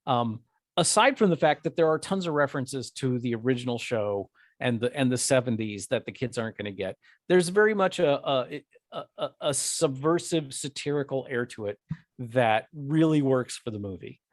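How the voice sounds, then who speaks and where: A man's voice: mid-range voice, animated, moderate pace, no echo. A man co-hosting a casual chat about movies, rambling with many restarts. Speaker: podcast co-host.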